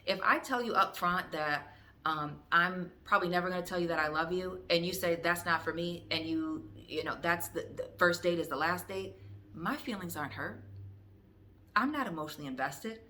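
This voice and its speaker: A woman's voice: on the low side, sharp tone. A young adult woman vlogger talking candidly to the camera, frank and direct, with fillers and restarts. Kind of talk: candid reflective talk to camera.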